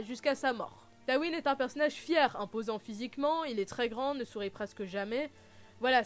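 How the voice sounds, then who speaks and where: A woman hosting a casual recap vlog, chatty and full of playful joking asides. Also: a little high. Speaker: video host.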